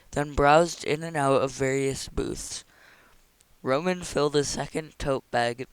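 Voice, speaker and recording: A man reading a novel chapter aloud in a steady, even narration. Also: mid-range voice, clean tone, dry recording, poor audio. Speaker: audiobook reader.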